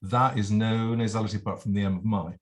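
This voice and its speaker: A man's voice: fairly low pitch, steady tone, fast. A man teaching as a vocal coach, explaining and demonstrating nasal and oral sounds in a lesson.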